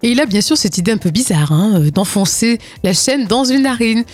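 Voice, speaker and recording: Giggly breathy-voiced woman on radio. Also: on the high side, soft background music. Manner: giggly, animated, quick to laugh. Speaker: radio co-host. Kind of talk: casual morning radio chat and storytelling. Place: radio studio.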